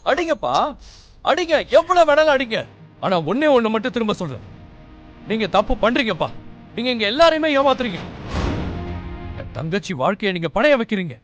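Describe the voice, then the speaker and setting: A headstrong young brother who refuses to back down, his voice sitting high and swinging widely. He pleads as much as he threatens. Background score music runs beneath. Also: very animated, brisk, long pauses, dull audio, exaggerated voice. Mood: defiant. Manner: forceful, pleading. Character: defiant young man defending his sister. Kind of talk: TV serial acting.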